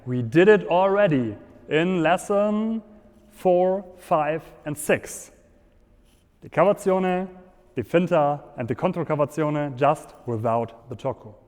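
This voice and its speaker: Slow-paced German-accented man in an echoing hall. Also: a little high, darkish tone. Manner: halting non-native phrasing. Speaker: fencing instructor. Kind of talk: instructional demonstration, explaining step by step. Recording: echoey hall with long reverb.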